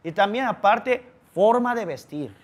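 Lively Korean man speaking Spanish. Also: high voice, unhurried. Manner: playful, jokey explanations. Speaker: guest teaching Korean. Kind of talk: casual chat.

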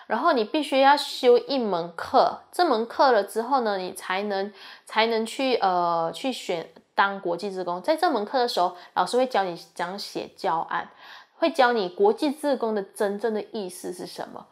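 A woman's voice: medium pitch, expressive, moderate pace. A young woman from Malaysia, a university student chatting earnestly as she shares her experience and gives advice. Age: young adult. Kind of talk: casual advice talk.

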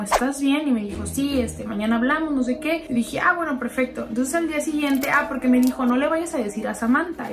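A young woman telling a gossip story in a chatty, confiding way, as if talking to a close friend. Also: on the high side. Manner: chatty, confiding, keeps calling the listener "sister". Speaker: storytime narrator. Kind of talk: gossipy storytime narration over a slime video.

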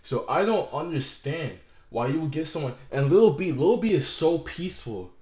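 A man's voice: on the high side, lively intonation, moderate pace, a little mellow, echoey room. A young man vlogging an angry, profane rant to the camera, repeating himself as he goes.

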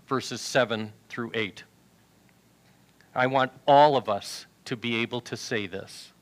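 In a large church sanctuary with choir risers, a pastor in his sixties preaches a sermon through a headset mic, earnestly reading scripture aloud from a tablet. His voice is medium in pitch with a sharp tone.

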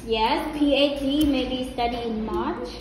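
A woman's voice: sits high, slow. A woman, an English teacher, interviewing a student for speaking practice and patiently rephrasing her questions. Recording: echoey room with crowd noise.

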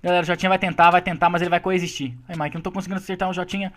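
A man playing a multiplayer game with friends, talking in fast excited calls with sudden shouts. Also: sits high. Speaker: gamer streaming with friends. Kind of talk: excited multiplayer gameplay chatter.

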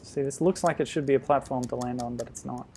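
A man casually commenting on a retro game as he plays, thinking aloud with sudden loud exclamations. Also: mid-range voice, fairly even intonation, fast talker, a little hiss or hum. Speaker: streamer.

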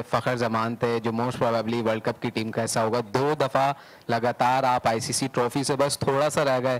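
A man's voice: mid-range voice, low-quality recording. A male reporter asking a formal, earnest question at a press conference. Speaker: sports reporter.

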